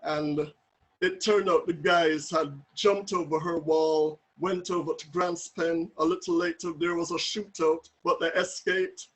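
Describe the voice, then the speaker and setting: High-voiced Jamaican man telling a story. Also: fairly even intonation, a little slow, low-quality recording. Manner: vivid anecdotal storytelling. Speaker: family member giving a tribute. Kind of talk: memorial storytelling. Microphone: video call.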